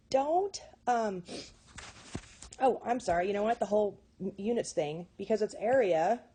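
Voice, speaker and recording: A woman's voice: mid-range voice, mellow, a little hiss or hum. A woman teaching a recorded math lesson. She talks in a chatty way, often corrects herself and checks in with "okay?".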